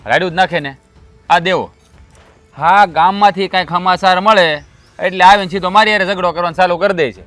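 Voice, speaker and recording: An actor playing a short-tempered, defensive elder brother and farmer, speaking with a Kathiawadi Gujarati accent. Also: male voice, high-pitched, fairly bright tone, dry recording, faint music behind. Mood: aggrieved. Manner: defensive and quick to snap. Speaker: elder brother in a land feud. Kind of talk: rural family drama acting.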